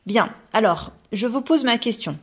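A woman voicing an eager, polite little girl who speaks high and bright. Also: lively intonation, measured pace, slightly rough, full character voice. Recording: dull lo-fi recording.

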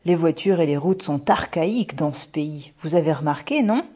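A stubborn young father, grumbling and insistent, as a woman reads him in a storybook. The voice is husky and a bit dark. The recording is lo-fi. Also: deep voice, expressive, normal speed. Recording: dull lo-fi recording.

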